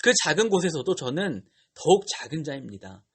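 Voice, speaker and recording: A man's voice: fairly high pitch, big pitch swings, brisk, breathy edge, heavily acted. A man voicing Gideon, a timid and fearful young man who pleads and belittles himself. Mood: pleading. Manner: hesitant, self-deprecating pleading.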